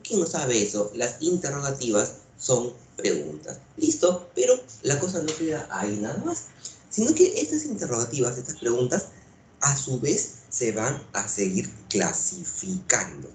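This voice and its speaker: Male teacher, animated and repetitive, echoey room, light hiss. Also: mid-range voice, normal speed. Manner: repeats points, asks rhetorical questions. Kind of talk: lively classroom lecture.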